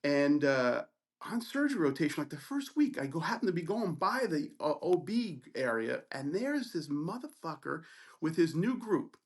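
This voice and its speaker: A middle-aged man, a physician hosting a podcast, telling a personal story in an animated, profane, emphatic way. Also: on the high side, moderate pace.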